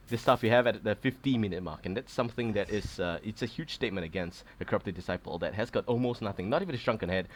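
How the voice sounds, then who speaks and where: Fast-talking male esports caster. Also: fairly low pitch. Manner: quick, excitable, rises loud during fights. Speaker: esports commentator. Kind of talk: play-by-play game commentary.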